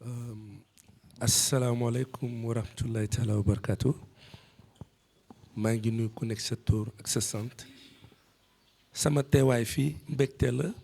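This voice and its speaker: A man's voice: medium pitch, fairly even intonation, measured pace, creaky, pauses often, mellow. A man with a Senegalese Wolof accent playing a courteous neighbour giving a short ceremonial blessing in a drama. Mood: solemn, warm.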